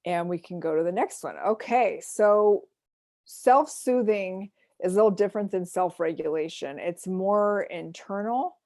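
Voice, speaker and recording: A woman leads a self-care workshop over a video call, her voice carrying a gravelly fry. She explains things gently, pausing on ums and uhs, and the sound is close and dry with no room around it. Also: mid-range voice, dry recording. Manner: gentle, explanatory, with frequent fillers. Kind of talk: online workshop presentation.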